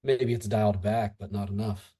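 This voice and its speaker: A man's voice: lowish voice, fairly even intonation, normal speed, warm tone, breathy edge. A man who teaches English, a guest in a casual podcast chat, rambling and antsy as he talks. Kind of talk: casual conversation.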